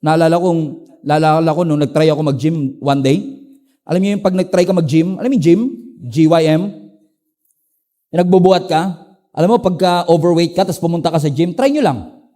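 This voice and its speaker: Filipino pastor guy preaching, high voice, swings from loud emphatic bits to quiet low asides. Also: a little fast. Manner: animated storytelling, swings between emphatic highs and low asides. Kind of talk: preaching a sermon in Taglish.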